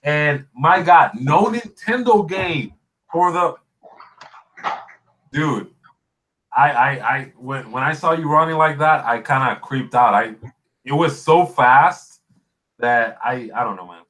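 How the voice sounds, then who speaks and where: A man hosting a casual gaming podcast livestream, chatty and excitable, saying dude and bro a lot. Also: a little high, takes it slowly, pauses often, poor audio. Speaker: podcast host.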